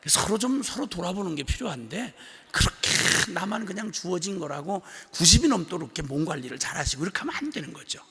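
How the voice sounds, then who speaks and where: A middle-aged man delivers a sermon to a large revival crowd, mixing funny anecdotes with sudden loud bursts. His voice sits high and sounds bright and edgy. Long reverb from the big hall trails behind every phrase. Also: breathy edge. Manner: humorous storytelling with sudden loud outbursts. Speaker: missionary preacher.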